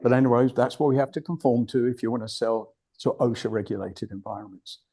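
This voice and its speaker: Fast and warm, with a steady tone and mid-range voice, an older British man speaks as a guest at a club. The informal presentation is blunt and digressive, full of sentences he begins again.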